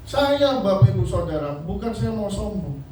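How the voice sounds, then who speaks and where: A middle-aged man preaching a sermon as a pastor, emotional, his voice swinging from loud to hushed, speaking into a handheld microphone in a church hall. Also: high-pitched, sing-song, normal speed. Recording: echoey hall, from far off.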